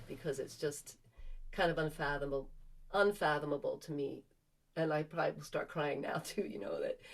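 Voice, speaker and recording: A woman folk singer chatting earnestly between songs, halting and laughing, then singing a protest song over guitar on a concert stage. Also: deep voice. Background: acoustic guitar.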